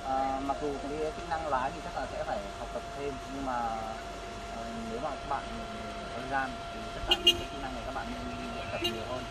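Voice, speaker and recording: Young male moto vlogger, relaxed and chatty, filler-heavy delivery, loud street noise over the mic. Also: medium pitch, fast. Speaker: vlogger host. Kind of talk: casual moto vlog chat. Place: outdoors on a campus road by a motorbike. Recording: loud outdoor traffic noise. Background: engines and traffic.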